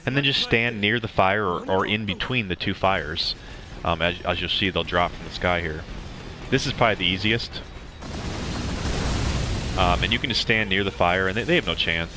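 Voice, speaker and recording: A young man with a low voice speaks at normal speed, giving casual, rambling commentary over a game walkthrough, with many ums and restarts. The background is noisy, with game music playing under his voice.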